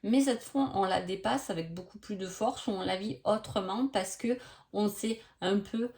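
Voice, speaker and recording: A woman's voice: mid-range voice, unhurried, darkish tone. A woman giving a casual oracle card reading sign by sign, chatty, with many hesitations and tag questions.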